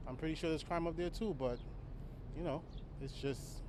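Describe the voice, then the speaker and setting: A man chats casually in a street interview. His voice is somewhat high for a man. City traffic and outdoor noise are clearly heard around him. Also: moderate pace. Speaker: member of the public interviewed.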